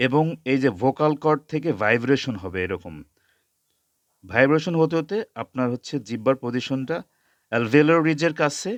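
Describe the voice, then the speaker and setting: A man teaching English pronunciation, spelling out sounds slowly and repeating each word several times. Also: mid-range voice, no room sound. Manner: mixes Bengali explanation with English words. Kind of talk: slow spoken lesson, spelling out sounds.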